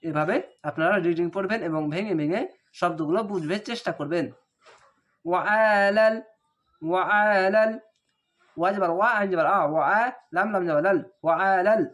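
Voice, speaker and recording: A man teaching Quran reading, speaking with a Bangladeshi Bengali accent. He spells out the syllables slowly and then chants the whole words. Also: sits high, fairly bright tone. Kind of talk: step-by-step recitation lesson.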